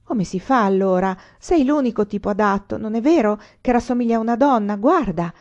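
A woman's voice: medium pitch, normal speed, mellow, pitched above the performer's own voice, natural voice. A woman voicing an ugly, pushy young male schoolmate who coaxes insistently, in a storybook reading. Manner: insistent, coaxing. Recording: slightly muffled recording.

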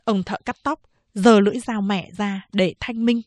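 A woman reading a novel aloud as an audiobook narrator, in steady, measured narration. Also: medium pitch, dry recording.

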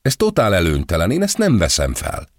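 A man's voice: fairly low pitch, expressive, dry recording, studio quality, pitched above the performer's own voice. A man voicing a flippant, mouthy young blonde female model in an audiobook, defiant and dismissive.

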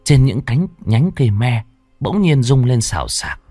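A man tells a ghost story with a very lively pitch that rises and falls dramatically. His voice sounds dry and close, with soft music underneath. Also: a little slow, breathy edge, no echo. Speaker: narrator. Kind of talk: storytelling narration of a horror tale.

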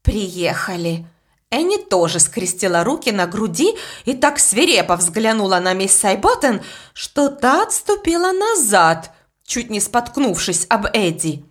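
A woman narrating a children's audiobook in an expressive storytelling manner. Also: medium pitch, measured pace.

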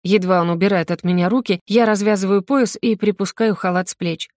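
A woman's voice: mid-range voice, steady tone, brisk, a little mellow, no room sound, clean studio sound. A woman narrating a first-person story in an intimate, confessional reading voice. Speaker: audiobook narrator.

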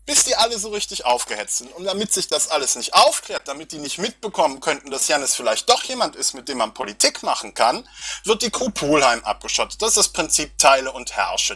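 A local political party activist, agitated and angry, argues in a heated voice-chat dispute, confrontational, accusatory and sarcastic. His fairly high voice is very animated, fairly quick, sharp and slightly rough. It is an online voice chat recording.

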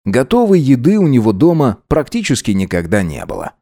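A man's voice: mid-range voice, wildly swooping pitch, a little fast, warm tone, no echo. Man narrating an audiobook, dry close sound.

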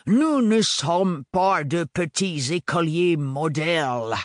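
A man voicing a fiery rebel leader who gives a slow, booming speech in an audiobook. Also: lively intonation, dry recording, studio quality. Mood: rousing. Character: fiery male rebel leader, small but thundering. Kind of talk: audiobook reading.

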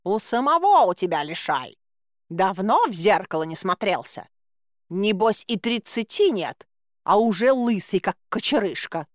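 A woman's voice: mid-range voice, sing-song, unhurried, no echo, studio quality. A woman voicing a proud, indignant male talking cat in an audiobook, huffy and quarrelsome. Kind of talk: audiobook character voice.

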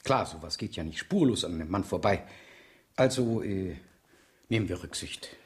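In a 1970s radio crime drama, a male actor with a low, animated voice portrays a courteous, formal and brisk police superintendent who grows awkward on delicate matters. This moment comes across awkward and confiding.

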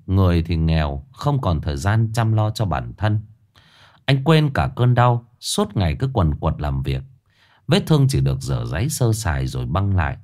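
A man narrating a ghost story in a dramatic, expressive reading. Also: low-pitched.

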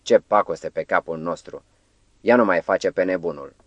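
A man's voice: sits low, dry recording, muffled recording, close to an everyday voice. A man voicing a stubborn young poet who speaks bluntly and with exasperation in an audiobook. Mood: exasperated.

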